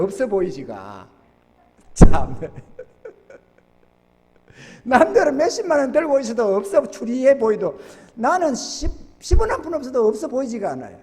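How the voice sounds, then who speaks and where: Animated pastor preaching in an echoing church. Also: male voice, high-pitched. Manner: folksy storytelling with sudden loud outbursts. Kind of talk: sermon. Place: church sanctuary. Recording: church hall with long reverb.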